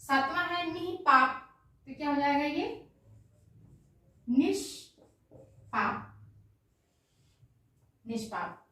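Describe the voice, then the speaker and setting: In an exam-prep grammar lesson, a high-voiced teacher poses a question, answers it herself, then repeats the answer. She sounds animated and sharp at a moderate pace, far from the mic in a very echoey room.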